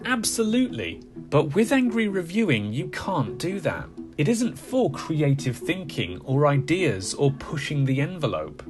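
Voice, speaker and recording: Man narrating with very lively, swooping pitch. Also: measured pace, hardly any pauses. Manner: conversational, rhetorical questions, emphatic. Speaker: video essayist. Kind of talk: scripted video essay narration. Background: background music.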